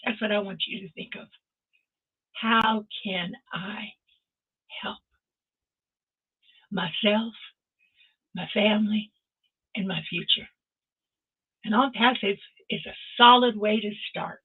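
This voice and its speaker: A woman's voice: mid-range voice, steady tone, slow, pauses often, breathy edge. An older woman hosting a stream and giving an impassioned motivational talk over a video call, urging her listeners on directly. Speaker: host. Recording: tinny phone-like video call audio.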